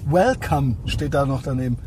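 A man in casual chat who reacts with quick exclamations and questions, recorded inside a car. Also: medium pitch, crowd noise. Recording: loud car road noise.

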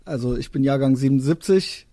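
A man's voice: medium pitch, brisk, warm tone, no room sound, studio quality. A man in his thirties from western Germany hosting a casual podcast chat, talking in a hesitant way with lots of filler sounds. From Koblenz, Germany. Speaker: podcast host.

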